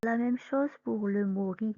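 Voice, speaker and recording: Slow, careful woman teaching reading. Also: on the high side, mellow, no echo, highs cut off. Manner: spells letters then syllables, clear and deliberate. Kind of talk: slow reading lesson for young children.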